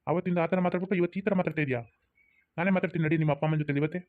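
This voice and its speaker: A man's voice: fairly high pitch, steady tone, rapid-fire, close to an everyday voice. A man voicing a young male college student who insistently demands an answer. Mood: demanding. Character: young male college lover, pushy and impatient. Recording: tinny phone-like sound.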